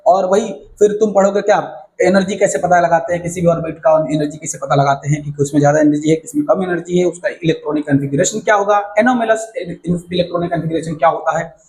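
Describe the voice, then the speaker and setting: A male teacher walking students through a syllabus in a casual, fast-talking way, often checking that they follow. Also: a little high, steady tone, a little mellow, low-quality recording. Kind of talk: casual syllabus walkthrough lesson.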